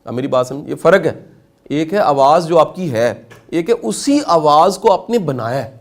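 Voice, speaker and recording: Animated man giving a lecture. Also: a little high. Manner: animated, emphatic, rhetorical questions to the audience. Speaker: motivational lecturer. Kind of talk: motivational lecture.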